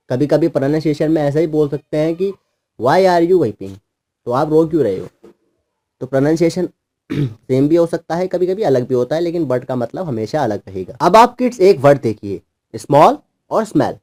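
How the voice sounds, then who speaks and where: Lively man teaching kids English words. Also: on the high side. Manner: spells words out letter by letter; patient, repetitive teaching. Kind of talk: explaining word meanings to children.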